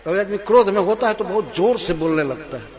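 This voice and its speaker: High-voiced male preacher chanting verses. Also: lively intonation, fairly quick, a little mellow, faint music behind. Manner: chants verses, then explains them as a story. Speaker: spiritual teacher. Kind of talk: Hindi scripture discourse. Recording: long reverb, dull lo-fi sound.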